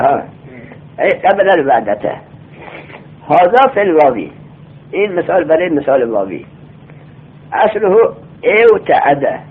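A man with a somewhat high voice teaches a class from a grammar text. He reads each line slowly, then explains it and puts questions to his students. The sound is thin and narrow, like a phone line.

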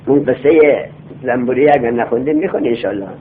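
A male teacher giving a classroom lecture. He reads lines of a text aloud slowly, then explains them and quizzes his students. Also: mid-range voice, fairly even intonation, a little hiss or hum. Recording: tinny lo-fi phone-like sound.

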